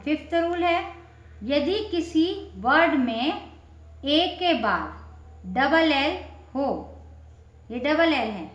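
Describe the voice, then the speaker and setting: A woman teaches pronunciation very slowly, spelling words out letter by letter before saying them. Her voice sits high, and she asks and answers her own questions. The recording is echoey and a bit dull. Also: lively intonation.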